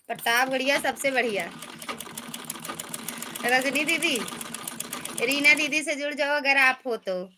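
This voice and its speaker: A woman's voice: sits high, a little slow, pauses often, bright, forceful tone, slight background noise. A woman chatting casually on a live stream, greeting viewers and teasing them while reading out their comments. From Uttar Pradesh, India.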